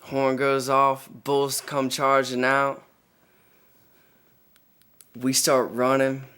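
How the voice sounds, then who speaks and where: An actor playing a young soldier telling a wild story, profane and swaggering. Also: male voice, medium pitch, monotone, drawn-out words, sharp tone, clean tone. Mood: brash. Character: brash young male soldier, reckless storyteller. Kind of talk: dramatic monologue.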